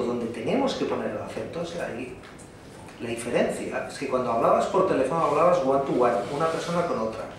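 A man giving an emphatic public talk full of rhetorical repetition in a university lecture hall. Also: medium pitch. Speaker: conference speaker. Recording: echoey hall from far off, noisy.

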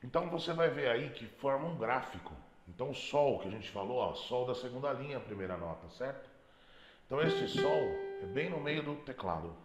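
A man's voice: mid-range voice, lively intonation, a little fast, roomy sound. A man teaching a beginner piano lesson, explaining patiently and singing out note names as he plays. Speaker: music teacher.

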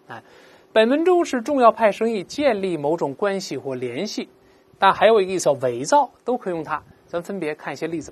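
Woman, vocabulary teacher, patient explaining, low pitch, animated. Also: breathy edge. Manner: explains patiently, slowly models pronunciations for repeating; asks "right?" often. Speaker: English teacher. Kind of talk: vocabulary lesson.

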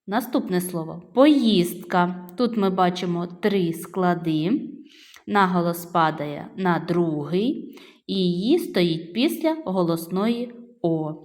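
A woman's voice: fairly low pitch, takes it slowly, a little mellow. A middle-aged woman teaching young children a phonics lesson, patiently drawing out each word as she sounds it. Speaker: primary school teacher. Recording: echoey room with long reverb.

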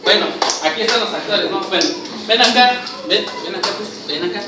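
High-voiced man in an echoey hall. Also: brisk. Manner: rambling, full of fillers, playfully bossy. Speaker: sketch director and performer. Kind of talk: improvised comedy sketch before an audience. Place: church hall. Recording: echoey hall, far from the mic, noisy.

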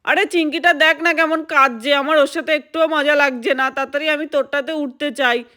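A woman telling a lively doll play story and voicing all the dolls. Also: high voice, brisk. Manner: lively, plays every doll's voice.

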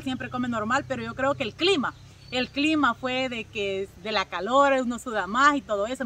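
A Salvadoran woman with a high, bright voice tells a casual story straight to her viewers, using many filler words and calling them her people. She sits a little back from the mic, so her voice sounds slightly distant. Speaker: vlogger.

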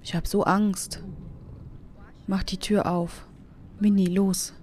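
A woman giving casual gameplay commentary, excitable and often squealing and gasping. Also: medium pitch, takes it slowly, slight background noise. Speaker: let's play gamer.

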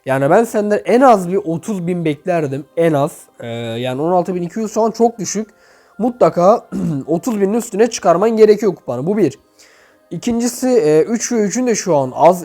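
A man's voice: high-pitched, expressive, a little fast, mellow. A young man with an echoey, reverberant room sound gives casual, chatty gaming commentary as a channel host, talking to viewers like friends. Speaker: YouTube game channel host. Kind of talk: casual gaming commentary, reviewing player profiles. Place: bedroom with items cleared out, indoors. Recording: echoey emptied room, faint music behind. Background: music.

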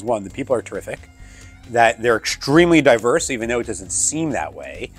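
A man's voice: on the low side, slightly rough. A man, thoughtfully sharing opinions in a home interview on a lapel mic. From Philadelphia, United States. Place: open-plan home living room. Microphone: clip-on lapel mic.

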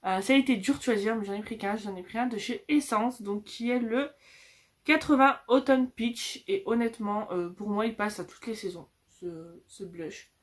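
A woman's voice: fairly high pitch, normal speed. A young woman from France chatting through a casual makeup review, filmed on a phone at home, with lots of fillers and restarts. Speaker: beauty vlogger. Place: indoors at home with a lamp behind her. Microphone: phone camera.

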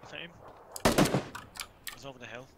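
A man's voice: mid-range voice, normal speed. A man muttering calls and curses to his squad while gaming. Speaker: gamer. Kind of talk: casual squad callouts. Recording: noisy game audio. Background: gunfire.

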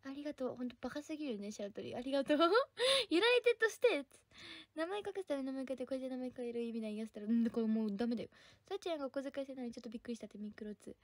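Bubbly high-voiced young woman livestreamer. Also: very fast, dark tone, no echo. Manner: bubbly, thanks viewers often, mixes in English words. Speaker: livestream idol host reading viewer comments. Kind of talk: casual livestream chat.

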